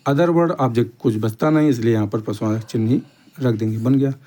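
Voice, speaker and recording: A man's voice: medium pitch, dark tone. A man teaching a grammar lesson step by step, repeating each point and checking in often with the class. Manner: slow, repetitive explaining with frequent "theek hai" check-ins.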